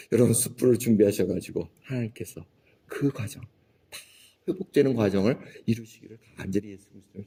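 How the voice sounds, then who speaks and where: A man's voice: medium pitch, a little mellow, husky. A male pastor giving a conversational sermon and acting out the quoted dialogue himself. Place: church sanctuary. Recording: long hall reverb.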